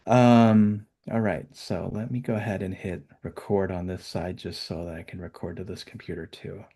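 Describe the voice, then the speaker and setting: A man's voice: low-pitched, fairly even intonation, normal speed, mellow. A man hosting an online webinar, chatting casually in an upbeat way with lots of fillers. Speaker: webinar host.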